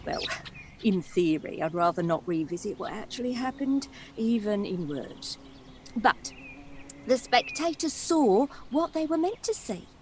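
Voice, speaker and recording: Princess in a stage comedy: expressive, highly animated, unhurried, storytelling with relish and tenderness. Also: female voice, slight background noise. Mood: dramatic, wry. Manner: dramatic, giggly, wistful storyteller. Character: theatrical, chatty princess, fond companion of a dragon.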